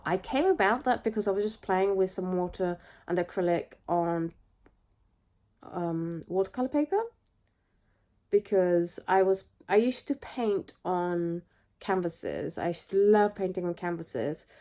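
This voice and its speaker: A woman sounds stuffed up and nasal from a flu as she talks casually into a camera she holds at arm's length while lying in bed. She rambles through long explanations in a chatty, relaxed way, speaking as an artist vlogger. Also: fairly low pitch, a little slow. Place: her bed, indoors. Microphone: handheld camera at arm's length.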